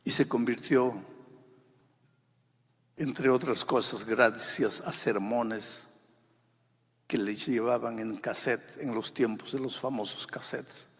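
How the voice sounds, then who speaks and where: Husky preacher in a reverberant hall. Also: male voice, mid-range voice, fairly even intonation, slow pace, long pauses. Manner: swings from quiet intimate storytelling to loud fervent exhortation. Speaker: pastor. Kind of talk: sermon.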